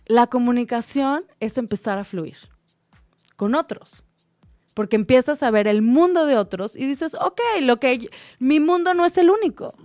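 Lively woman, higher voice. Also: moderate pace, no echo, soft background music. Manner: animated, acts out quoted dialogue. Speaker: co-host. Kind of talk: casual chat.

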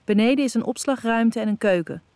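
A woman's voice: fairly high pitch, fairly quick, a little mellow, smooth, no echo, voice pushed up, natural voice. A woman reading a teasing young man. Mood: matter-of-fact.

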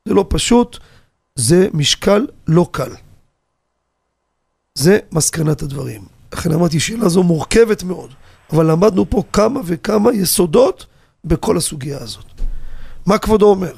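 Animated, gravelly-voiced rabbi on the radio. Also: male voice, high-pitched, long pauses. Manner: animated, asks rhetorical questions, tells anecdotes. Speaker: rabbi teaching on a radio show.

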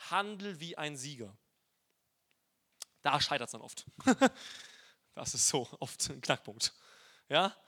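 A man preaching a sermon in a lively, colloquial and playful way, telling stories with energy. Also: high voice.

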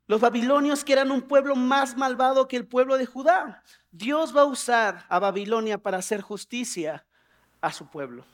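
Animated pastor preaching. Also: male voice, moderate pace. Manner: animated, acts out prayers in a higher pleading voice, humorous asides. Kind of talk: sermon.

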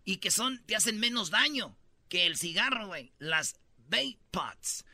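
Man, Mexican Spanish accent, comedy radio host, very bright sharp tone, dry close sound. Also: high-pitched, expressive, a little slow, no room sound. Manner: rambling, joking, slangy storytelling. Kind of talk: comic radio banter.

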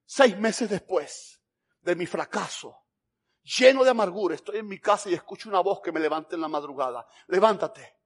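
This Cuban evangelist preaches a sermon, recounting his story dramatically and lurching suddenly between loud and hushed delivery. His voice sits high and is expressive, and he talks a little fast.

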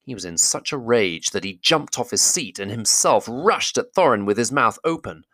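A man narrating a classic fantasy novel as an audiobook, with a steady, measured storytelling delivery. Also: mid-range voice, no room sound. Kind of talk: audiobook reading.

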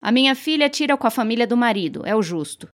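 A woman reading aloud and voicing a quiet, resigned village husband who speaks in a subdued way. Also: fairly high pitch, animated, fast talker, pitched above the performer's own voice, natural voice. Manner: subdued, lamenting.

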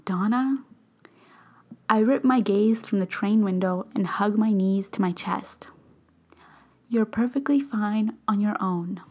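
Woman, story narration, unhurried, often whispered, mid pitch. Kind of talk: first-person story reading.

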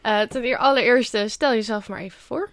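A woman's voice: fairly high pitch, normal speed, no echo, clean studio sound. A woman hosting a podcast interview, asking questions in a friendly, chatty way. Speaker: podcast host.

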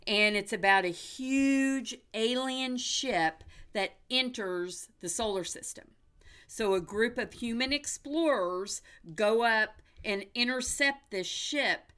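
A woman's voice: medium pitch, takes it slowly, fairly bright tone, clear, resonant tone. An American woman hosting a casual movie news chat in an upbeat, chatty, folksy way. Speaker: movie podcast host.

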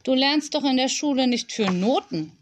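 A woman reading an audiobook, voicing a cheerful, whimsical woman teacher who speaks in a bright, sing-song, gently enthusiastic way. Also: high voice, expressive, moderate pace, a little hiss or hum, pitched above the performer's own voice. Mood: gentle, persuasive.

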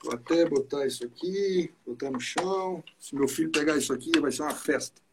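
A man hosting a casual chat, showing and describing objects to his guest in a relaxed, talkative way. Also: fairly high pitch, a little fast. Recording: noisy recording with clicks.

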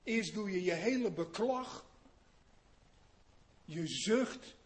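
A man with a fairly high voice preaches a sermon at an unhurried pace. He asks his listeners questions. He moves from quiet, low passages to loud, emphatic ones. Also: animated. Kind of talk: sermon on a psalm.

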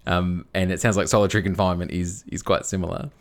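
A man's voice: sits low, level tone, fast talker. A man co-hosting a casual podcast, explaining a topic at length, often restarting and repeating words as he goes. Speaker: podcast co-host.

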